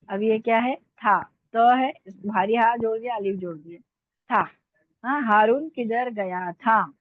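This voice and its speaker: A woman's voice: mid-range voice, dry recording, narrow, tinny audio. A woman teaching Urdu script in an online lesson, spelling words out letter by letter in a patient way.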